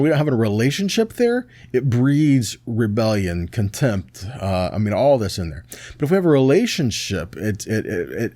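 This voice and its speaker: A preacher leads a Bible study sermon, reading verses aloud and checking in with brief tag questions. His mid-range voice is warm, and the recording is dry.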